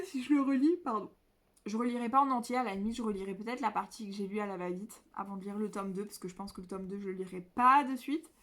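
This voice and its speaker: A woman's voice: medium pitch, a bit bright. A young woman chatting casually about books she read, hesitant with many fillers and restarts. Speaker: book vlogger. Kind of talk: casual book review. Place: indoors at home by a window.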